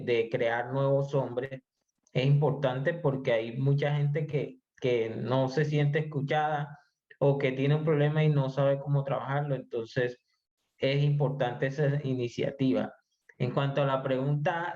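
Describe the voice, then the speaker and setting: A man as an interview guest, explaining his views in a measured way, with frequent hesitations. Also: medium pitch, a little mellow. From Colombia. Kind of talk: conversational podcast interview. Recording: slightly muffled audio.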